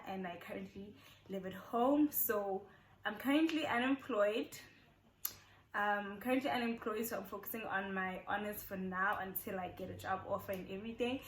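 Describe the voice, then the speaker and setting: A woman's voice: mid-range voice, a little hiss or hum. A young South African woman in her twenties, chatting casually to her channel and repeating points for emphasis. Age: 20s. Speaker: YouTuber. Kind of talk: casual get-to-know-me chat. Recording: echoey room.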